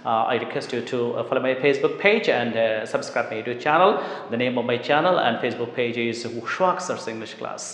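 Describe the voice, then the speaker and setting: A man teaching a spoken English lesson, drilling translated phrases and stressing key words loudly. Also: medium pitch, very slow. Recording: echoey room with long reverb.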